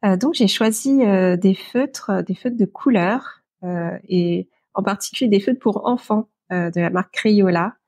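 A woman, a podcast guest who talks with many pauses and fillers. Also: mid-range voice, darkish tone, dry recording, studio quality. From Paris, France. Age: 40s. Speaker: interview guest. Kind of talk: podcast interview.

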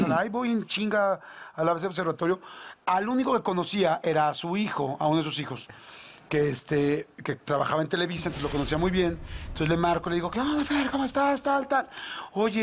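Fast-talking Mexican man, high voice. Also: a little hiss or hum. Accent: Mexican Spanish. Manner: animated storyteller, acts out dialogue, slangy. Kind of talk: casual anecdote telling.

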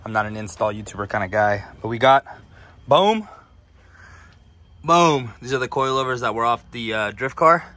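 A man's voice: on the low side, quick pace, few pauses. A young man chatting casually to his viewers in a vlog, recorded outdoors beside a car on a hot day with a handheld camera. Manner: relaxed, chatty, addresses viewers as "boys". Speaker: car vlogger.

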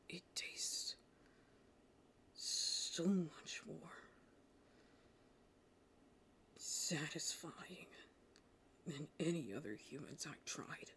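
A woman voices an arrogant male anime vampire, speaking low, slowly and often in a whisper to the listener, with a breathy, gravelly, slightly bright, exaggerated sound. The pitch swings widely as he teases with cold, hungry, seductive smugness, suited to an intimate roleplay audio drama.

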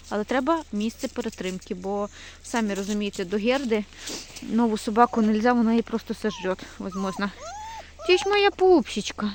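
Woman, fairly high voice, quick nervous vlog chatter, baby talk to dogs, phone mic outside by woods, faint background noise. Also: darkish tone. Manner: talks fast when nervous. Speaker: animal rescue volunteer. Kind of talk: casual vlog narration while filming. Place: outdoors near a forest. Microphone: phone camera held while filming.

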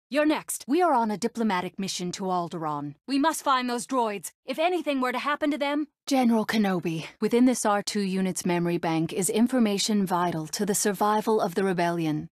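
Woman acting as young rebel princess, video game heroine, commanding, sardonic, medium pitch, very dry studio sound. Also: fairly quick, hardly any pauses, no room sound, close to an everyday voice. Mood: urgent. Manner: crisp, assertive, dryly sardonic delivery. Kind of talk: video game character voice clips.

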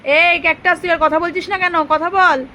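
A woman with a high, bright voice films her child at home. She chats casually and playfully, full of exclamations, teasing and fond scolding. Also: fairly even intonation, moderate pace, slight background noise. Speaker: mother filming her child. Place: at home, indoors.

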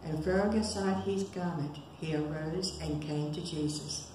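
A woman reading a Bible passage aloud in a steady, measured way. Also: low voice. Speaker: scripture reader. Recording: very echoey room, faint hiss.

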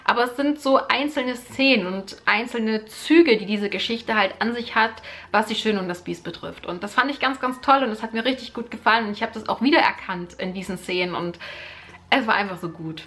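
This young German woman speaks a little fast in a fairly high, slightly bright voice. A book vlogger, she gushes casually about a book series close to the camera in her living room before a sofa, repeating words and filling pauses often.

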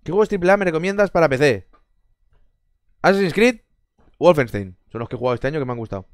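A man's voice: a little high, expressive, quick pace, dry recording. A man from Spain is chatting on a live stream, reading and answering his chat. He is sarcastic and jokey, laughs a lot and swears freely. His voice swings up and down, and the close mic sounds dry with no room around it.

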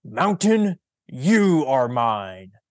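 Storybook figure: a greedy, commanding man, put on by a male reader, loud, slow, dry mic. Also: mid-range voice, lively intonation, husky, no room sound. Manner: bossy, loud and commanding, stretched slow words. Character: boastful, possessive grown man claiming everything.

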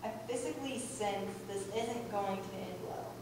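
A woman's voice: mid-range voice, normal speed, background noise, lightly acted. A woman voicing a goofy, sarcastic, unimpressed teenage girl sock puppet in a live parody show. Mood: earnest. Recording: far, very echoey room, loud music.

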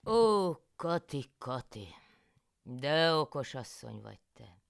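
A woman voicing a grumbling peasant husband in a folk tale, with loud, scolding exclamations. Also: a bass voice, very animated, creaky, smooth, no echo, studio quality, voice pushed up, full character voice. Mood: exasperated.

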